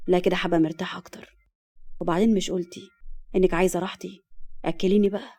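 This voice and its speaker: A woman's voice: fairly low pitch, steady tone, very fast, warm tone. A woman with an Egyptian accent voicing a joking, affectionate young husband in cheeky banter, close to her own voice. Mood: teasing.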